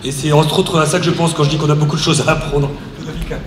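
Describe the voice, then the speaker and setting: High-voiced hesitant male moderator in echoey room. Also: little pitch movement, rapid-fire. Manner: hesitant, muddled, searching for words. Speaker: moderator introducing speakers. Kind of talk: informal spoken introduction. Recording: echoey room with clear background noise.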